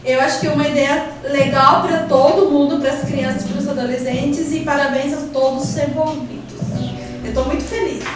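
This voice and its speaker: A school manager from Lima, Peru, whose first language is Spanish, gives casual interview answers in a high voice. She's warm and chatty, her speech full of "então, assim" fillers, delivered at normal speed with fairly even intonation. The distant mic picks up an echoey room, background noise, and soft music behind her.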